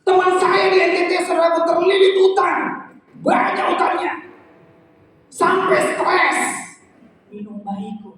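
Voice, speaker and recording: A man's voice: extremely high pitch, a little slow, long pauses, far from the mic, slight background noise. A man preaching a sermon, telling stories and acting out conversations. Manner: storytelling, animated, quoting dialogue. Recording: echoey hall, picked up from afar.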